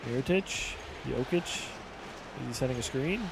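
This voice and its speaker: A man in his early twenties giving casual play-by-play commentary over a basketball video game, excitable and breaking into sudden shouts. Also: mid-range voice, normal speed, gravelly, crowd noise. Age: 20s. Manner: excitable, calls plays aloud with sudden shouts. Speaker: gaming YouTuber.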